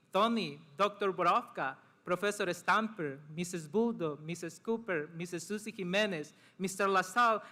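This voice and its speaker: This student commencement speaker is a young Salvadoran man with a bright, high-pitched voice and Spanish as his native tongue. His formal, prepared address comes out in earnest, measured bursts of short phrases with pauses between them.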